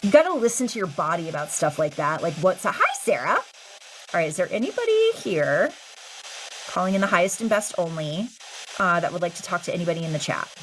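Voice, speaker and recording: A woman's voice: on the low side, big pitch swings, brisk. A woman hosting a casual livestream, chatting to viewers in an informal, slangy, sweary way. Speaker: livestream host. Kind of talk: casual live chat with viewers. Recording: clear hiss and static noise. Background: noisy spirit box radio static.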